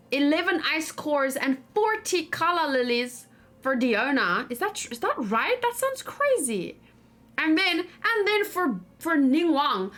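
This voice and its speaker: In a high-sitting, fairly bright voice, a female streamer gives casual live commentary on her game, thinking aloud and talking with her viewers as a let's play host.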